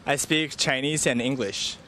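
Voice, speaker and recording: A man playing a polite tourist who gives slow, short answers to a reporter outdoors for an English lesson. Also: medium pitch, fairly even intonation, bright, forceful tone, slight background noise. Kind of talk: scripted English lesson dialogue. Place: outdoors in a city.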